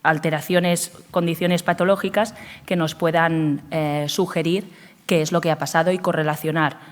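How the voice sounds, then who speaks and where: A woman's voice: low voice, fairly even intonation, moderate pace. A woman with a Spanish accent and a cold, giving a hesitant medical conference talk with many fillers. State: has a cold. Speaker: cardiologist speaker. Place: conference hall. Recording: long hall reverb.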